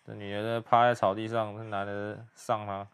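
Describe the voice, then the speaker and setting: Young man, smooth clear voice, quiet muttered play-by-play reaction host. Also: fairly low pitch, little pitch movement, moderate pace. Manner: hushed, muttered running commentary.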